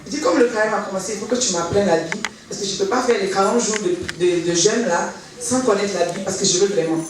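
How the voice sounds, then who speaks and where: A woman tells her personal testimony, bringing her story to life by acting out the conversations she remembers. Her voice sits at an ordinary middle pitch. It reaches the mic from a distance, ringing through a strongly echoing hall with a faint hiss of noise behind it. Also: fast talker. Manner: animated, acts out remembered dialogue. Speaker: church member giving testimony.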